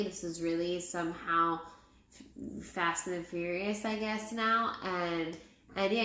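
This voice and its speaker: A woman chats through a casual movie review with a middling pitch. She sounds tipsy and rambles, circling back to the same points. The room around her voice is noticeably echoey. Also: a bit bright. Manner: tipsy, rambling, repeating herself.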